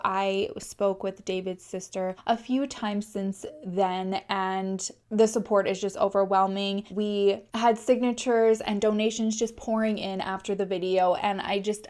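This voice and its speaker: A woman's voice: mid-range voice, darkish tone. A young Canadian woman hosting a true crime channel, a little congested and sniffly, talking in an earnest, heartfelt, chatty way. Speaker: true crime YouTuber host. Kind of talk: casual chat to camera.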